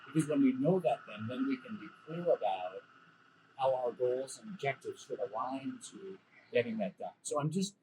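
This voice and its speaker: A man's voice: mid-range voice, lively intonation, moderate pace, mellow, slight background noise, low-quality recording. A middle-aged man talking as a guest inside a car, earnest and repeating words as he thinks. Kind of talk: casual chat.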